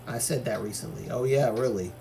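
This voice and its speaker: Fairly quick and gravelly, this medium-pitched male voice has a dark tone, with a bit of hiss or hum on the recording. He's an Algerian livestream host chatting casually over viewer comments, voicing opinions amid frequent fillers and restarts.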